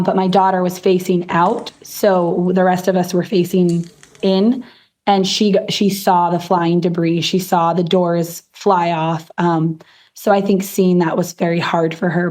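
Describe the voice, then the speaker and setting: A woman in her thirties giving an earnest, emotional interview account, her voice hoarse and worn from exhaustion. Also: fairly low pitch, warm tone. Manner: earnest, faith-filled. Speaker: interviewed hurricane survivor.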